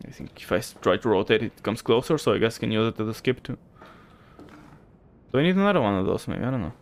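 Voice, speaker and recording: Speaking quickly in a fairly low, sing-song voice, a man from Bulgaria with a light accent streams his gameplay. He chats loosely with his audience and muses out loud, with a little hiss or hum on the audio.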